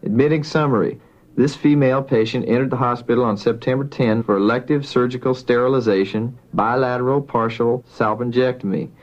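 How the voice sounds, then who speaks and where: A man, a physician, dictating a medical report for a typist in a formal, measured, item-by-item manner, as if into a dictaphone. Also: medium pitch, fairly even intonation. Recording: dull lo-fi dictation recording.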